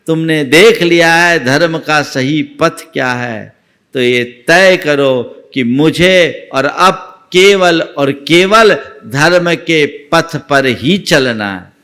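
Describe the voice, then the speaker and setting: A male monk preaching a sermon, emphatic and exhorting, rising to forceful peaks. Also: medium pitch.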